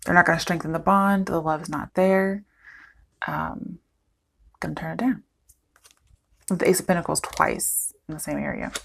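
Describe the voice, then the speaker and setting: A woman giving a casual, chatty tarot reading to her viewers, thinking aloud as she goes, her voice cracking at times. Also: fairly low pitch. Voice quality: voice cracking, throat clearing. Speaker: tarot reader.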